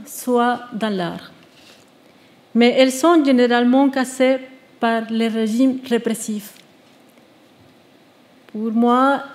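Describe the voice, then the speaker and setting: A woman, reading a prepared testimony on stage in a measured, earnest way, with small restarts. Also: on the high side, a little mellow. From Venezuela. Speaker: exiled researcher giving a testimony. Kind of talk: prepared speech read to an audience. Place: stage at a live public event.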